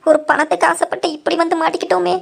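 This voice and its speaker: A woman's voice: very high voice, flat delivery, rapid-fire, gravelly, exaggerated voice. A woman voicing a panicky village woman in a cartoon, wailing and crying out in fright. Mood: frightened. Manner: shrieking, wailing "aiyo" in fright. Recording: music playing behind the voice.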